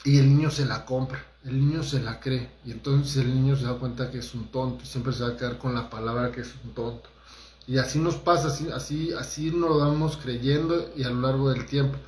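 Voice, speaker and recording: Guy, therapist type, chatty motivational talk, mid-pitched voice, kinda roomy echo. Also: steady tone, a little fast, darkish tone. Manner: conversational, addresses listeners directly, acts out quotes. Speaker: holistic therapist.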